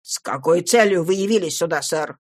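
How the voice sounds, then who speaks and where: A woman voicing a proud, irritable older gentleman who speaks stiffly and keeps clearing his throat in a storybook reading. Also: lowish voice, brisk. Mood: furious.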